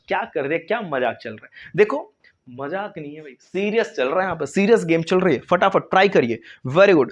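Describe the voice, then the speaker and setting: Man teaching chemistry, chatty and coaxing, lo-fi sound. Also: fairly high pitch. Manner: chatty, coaxing, calls students "beta", mimics students' replies. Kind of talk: casual online lesson. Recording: slightly dull lo-fi recording.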